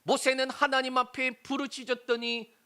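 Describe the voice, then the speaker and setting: A middle-aged male pastor preaching a sermon, animated and often prompting the congregation with rhetorical questions. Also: very high voice, moderate pace, smooth.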